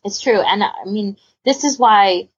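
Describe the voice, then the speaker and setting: A woman co-hosting a podcast chats casually, rambling and emphatic, in an unhurried, mid-range voice with a slightly rough edge. The recording is a dull, lo-fi one.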